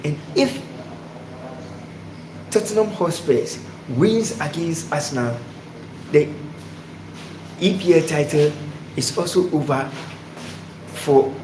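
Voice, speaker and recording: A man's voice: a little high, takes it slowly, long pauses. A man from Ghana hosting a casual sports live stream, greeting viewers by name and asking them questions. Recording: echoey room with loud background noise.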